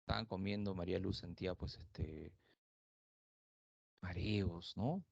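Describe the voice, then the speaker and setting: A man's voice: low-pitched, measured pace, vocal fry, a little mellow, dry recording, muffled recording. A man from Peru teaching a literature class, speaking in a conversational way with frequent tag questions and fillers. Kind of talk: recorded class lecture.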